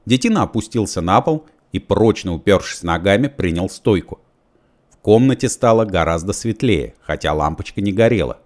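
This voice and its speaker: Низкий выразительный мужской голос чтеца. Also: male voice, fairly low pitch, moderate pace. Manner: expressive, plays all the parts. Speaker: audiobook reader. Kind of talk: audiobook narration.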